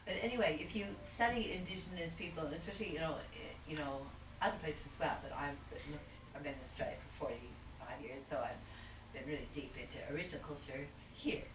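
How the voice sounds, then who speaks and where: A woman's voice: sits low, fast. A woman guest talking at length in a rambling, searching way, with frequent restarts, on a video call. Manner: rambling, spiritual, many restarts. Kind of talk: casual conversation. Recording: distant roomy mic with faint noise.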